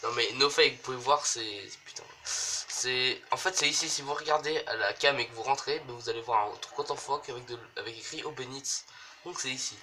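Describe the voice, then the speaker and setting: A man with a mid-range, sharp-toned voice hosts a gaming video, talking fairly quickly through the gameplay. His commentary is casual, rambling and hesitant, with frequent swearing. It sounds like a noisy home recording.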